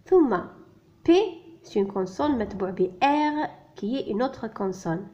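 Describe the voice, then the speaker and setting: A woman's voice: fairly high pitch, expressive, fairly quick. A woman teaching French reading to beginners, spelling out letters and sounds one by one and repeating each word. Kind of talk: slow spelled-out reading lesson. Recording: dull lo-fi recording.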